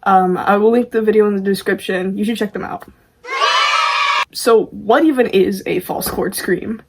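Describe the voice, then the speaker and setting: A woman's voice: medium pitch, normal speed, over a noisy crowd, very noisy. A woman presenting a tutorial casually, with an informal, self-deprecating way of talking. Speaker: amateur vocalist presenting a tutorial.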